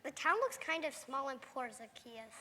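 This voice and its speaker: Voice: high voice, moderate pace, pushed and bright. A chirpy cartoon herald. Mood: eager. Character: eager cartoon sidekick herald.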